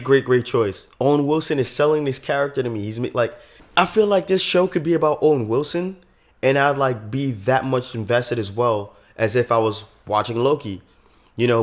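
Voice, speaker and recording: A man casually reviewing a show episode, chatty and full of enthusiasm. He talks in a loose, slangy way, circling back to his points as he goes. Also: medium pitch.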